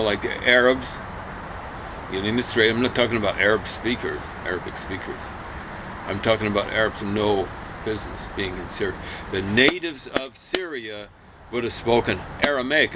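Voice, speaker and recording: Opinionated man rambling over background noise. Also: fairly low pitch. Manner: emphatic and opinionated, with halting asides. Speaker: vlogger. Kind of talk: rambling opinion monologue on current events. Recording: steady ambient background noise.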